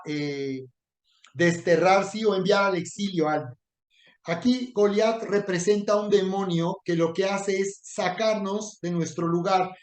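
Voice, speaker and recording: Man, preacher and coach, emphatic direct delivery, high voice, roomy echo. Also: a little mellow. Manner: emphatic, addresses listener directly. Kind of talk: sermon with scripture reading.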